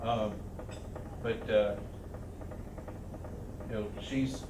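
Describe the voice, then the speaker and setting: Guy giving a eulogy, slow and halting, lots of ums, far off in a roomy hall. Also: on the low side, fairly even intonation. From Arizona. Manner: halting, many restarts and fillers. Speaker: eulogy speaker. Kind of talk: memorial speech. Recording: echoey hall from far off, noisy.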